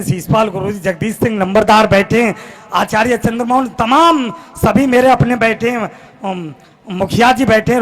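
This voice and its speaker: A man reciting his own verse on stage at a poetry gathering, declaiming in a fiery, impassioned style, repeating and shouting key lines. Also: high-pitched, poor audio.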